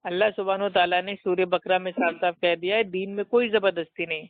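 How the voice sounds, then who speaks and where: An Indian man with a high voice argues over a tinny, dry phone line. He talks in a combative, mocking, preachy way, piling up insults and demands for proof. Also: fairly even intonation, a little fast, dry recording. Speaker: debater. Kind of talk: heated phone argument.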